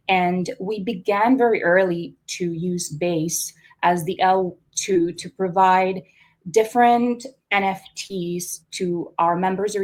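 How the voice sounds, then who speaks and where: A young woman from Costa Rica talks through her ideas in an interview, pausing on "um" and "uh" as she goes. Her voice sits a little low for a woman, and she speaks with a steady, reflective flow. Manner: thoughtful, many fillers and restarts. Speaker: artist guest. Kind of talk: conversational interview.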